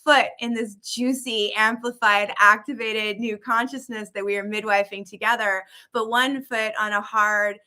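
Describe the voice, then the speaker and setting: A woman's voice: on the high side, fairly even intonation, moderate pace, few pauses, pushed and bright. A woman spiritual healer hosting a casual live session, effusive and earnest, repeating words for emphasis. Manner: earnest, uplifting. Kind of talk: casual live-stream talk to viewers.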